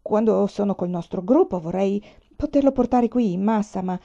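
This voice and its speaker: A woman's voice: medium pitch, normal speed, vocal fry, mellow. A woman voicing a nervous young man from a rich family who talks in a hurry, stammering and defensive. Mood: uneasy. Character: nervous young rich Chinese student, male. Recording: dull lo-fi recording.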